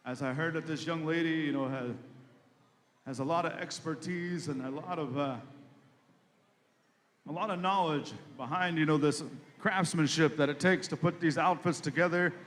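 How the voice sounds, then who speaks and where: A man's voice: on the high side, normal speed, a bit bright. A man working as a powwow emcee, making live announcements over an arena PA in a folksy, ceremonious way. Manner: folksy, ceremonious, addressing families and crowd directly. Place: large reverberant arena, over a PA. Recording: reverberant hall public address sound.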